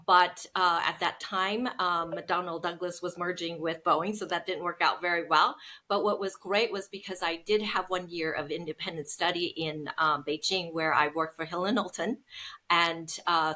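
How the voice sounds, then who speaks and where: A fairly low-pitched woman with a sharp tone speaks at a measured pace with fairly even intonation. She is a business founder from Seattle, United States, guesting in a casual interview and telling her story chattily with many ums.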